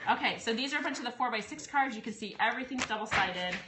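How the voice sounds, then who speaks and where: A native English-speaking woman hosts a casual live product stream, bubbly and chatty, quick to laugh while answering viewer questions. Her voice is fairly high with lively intonation, recorded in an echoey room with faint noise.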